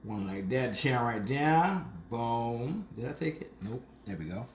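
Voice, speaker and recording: Man, 50s, cooking host, lively sing-song voice, echoey kitchen, faint background hum. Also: medium pitch, measured pace. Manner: animated, playful, savoring food aloud with hums. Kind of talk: casual live cooking chat. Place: home kitchen, indoors. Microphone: phone camera on the counter.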